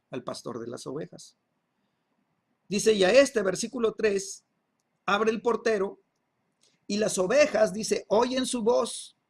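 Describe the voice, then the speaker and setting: A man's voice: high-pitched, vocal fry, breathy edge. A man teaching an online Bible class, checking in with listeners through constant tag questions and repeating words while he searches for the next one. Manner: peppers speech with tag questions.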